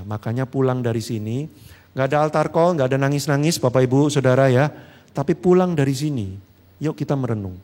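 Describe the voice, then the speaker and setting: A man, preaching a sermon in a church hall, animated and acting out quoted voices, then dropping low and slow for earnest points. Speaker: pastor. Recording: long church reverb.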